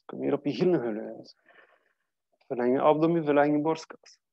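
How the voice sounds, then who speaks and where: Gravelly man guiding yoga. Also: on the high side, normal speed, no echo, muffled recording. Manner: calm, steady cueing of breath and posture. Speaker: yoga teacher. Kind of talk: guided yoga class instruction.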